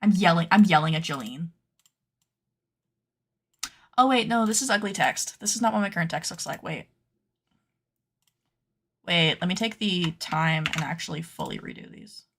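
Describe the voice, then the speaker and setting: A woman streaming casually while she works at a computer, playfully dramatic as she scolds her sewing patterns out loud. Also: lowish voice, sing-song, normal speed, vocal fry, long pauses. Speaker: cosplay pattern maker and streamer. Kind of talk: casual livestream chat while working at a computer.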